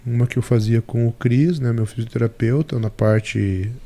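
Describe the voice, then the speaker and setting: A man as a podcast guest, telling a story in a lively way and acting out the dialogue. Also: mid-range voice, moderate pace.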